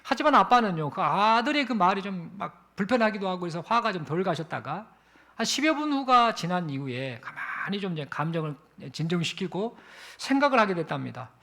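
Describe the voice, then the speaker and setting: A male pastor telling a story in a sermon, animated and acting out the quotes. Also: sits high, a little fast, gravelly.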